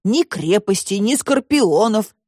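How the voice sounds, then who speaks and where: A woman's voice: medium pitch, lively intonation, measured pace, a little mellow, no room sound, clean studio sound. Stern old grandfather, read by a woman. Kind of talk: audiobook reading.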